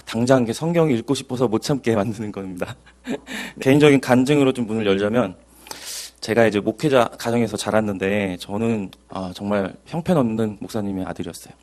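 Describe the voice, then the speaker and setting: A man in his thirties, an evangelist, giving an earnest, animated Bible lecture that mixes in his personal testimony. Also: mid-range voice.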